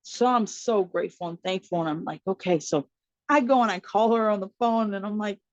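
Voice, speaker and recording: A woman's voice: mid-range voice, fairly quick, no room sound, muffled recording. A woman, a podcast guest and mother of four, telling a personal story in conversation, acting out what others said to her, with laughter and fillers. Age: adult mother of four. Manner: animated storyteller acting out quoted dialogue.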